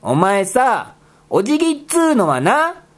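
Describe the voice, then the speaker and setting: A woman voicing a bossy, exasperated rabbit character who talks in rough boyish speech and scolds his partner in a comedy skit. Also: on the high side, sing-song, slow pace, full character voice. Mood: scolding, exasperated. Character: gruff bossy rabbit guy, exasperated straight man.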